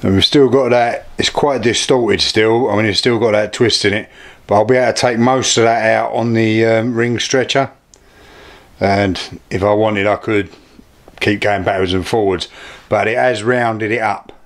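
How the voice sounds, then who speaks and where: A British man talks through a hands-on demonstration as the host of a hobby video. His delivery is informal and low-key, with plain, unpolished phrasing and an average male pitch. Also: fairly bright tone.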